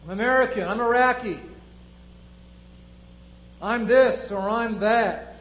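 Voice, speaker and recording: A man's voice: sits high, slow, a bit bright, echoey room, rough recording. A man preaching a sermon, building his point through strings of rhetorical questions.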